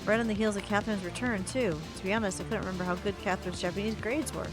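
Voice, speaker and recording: A woman reads a story game's narration aloud on stream, lively in delivery and adding asides. Her pitch sits mid-range, and faint music plays under her voice. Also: racing. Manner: expressive reading with asides and stumbles. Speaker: streamer reading a story game. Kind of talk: reading narration aloud with chat.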